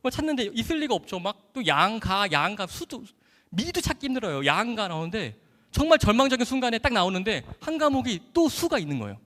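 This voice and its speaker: A man tells his church testimony as an animated storyteller, acting out the dialogue and laughing along the way. His voice sits high and swoops widely. A long hall reverb trails each phrase. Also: brisk. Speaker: doctor giving a testimony. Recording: echoey hall.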